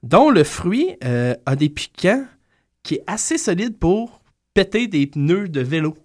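Animated hesitant Quebec French man. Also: sits high, unhurried. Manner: animated, hesitant, stumbles over long words. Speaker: radio columnist. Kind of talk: radio banter.

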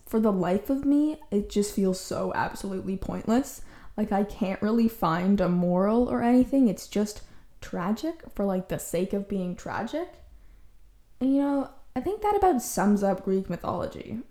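A woman's voice: mid-range voice, mellow, roomy sound. A woman hosting a podcast with casual, chatty comedic storytelling and wry, playful asides, recorded in an empty room. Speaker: podcast host. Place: indoors, empty room in a new home.

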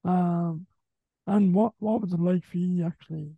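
Young west of ireland guy hosting a sports chat, flat husky voice, muffled lo-fi audio. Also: high voice, measured pace, no room sound. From Galway, Ireland. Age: late teens. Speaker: podcast host. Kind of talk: casual sports interview.

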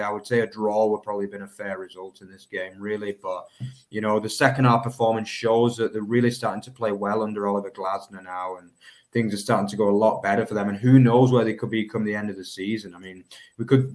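A man's voice: on the low side, fairly even intonation, quick pace, darkish tone. A man co-hosting a football podcast, talking in a rambling way with many fillers like "obviously" and "you know". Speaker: podcast co-host. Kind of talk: casual football chat.

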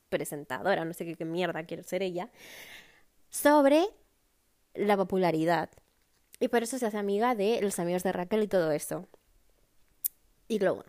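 A young woman hosting a podcast, talking in a casual, animated, slangy monologue and mixing in English phrases. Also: mid-range voice. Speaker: podcast host.

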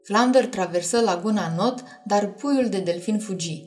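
A woman with a medium-pitched voice reads a children's storybook aloud, expressive yet measured. Faint music plays in the background.

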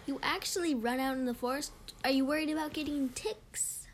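A woman playing a prim, high-voiced talk host. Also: fairly quick, low-quality recording. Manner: prim and fussy, correcting her guest. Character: prim, fussy female talk show hostess. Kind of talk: improvised comedy interview.

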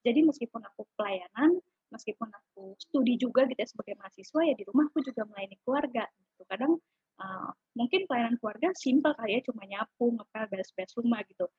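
A young woman, a panel guest, telling a personal story in lively casual chat with many fillers. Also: on the high side, fast, breathy edge, dry recording. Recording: dull lo-fi sound.

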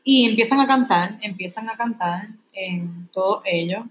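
A woman's voice: mid-range voice, moderate pace, low-quality recording. A woman teaching a literature class, retelling scenes casually with slang and bits of English. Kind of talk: recorded class lecture.

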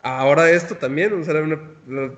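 Slangy young Mexican man, higher voice. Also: fairly quick. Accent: Mexican, Guadalajara. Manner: slangy, profane, laughs often while talking. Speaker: podcast co-host. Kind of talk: casual chat.

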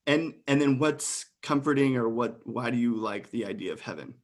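A man's voice: mid-range voice, moderate pace. A man hosting a podcast, asking curious questions in casual interview chat with short encouraging hmms. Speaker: podcast host.

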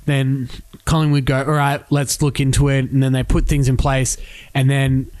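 A man's voice: mid-range voice, moderate pace, dry recording. A man with an Australian accent co-hosting a casual sports chat, retelling stories and acting out quotes. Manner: animated storyteller, acts out quotes. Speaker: podcast co-host.

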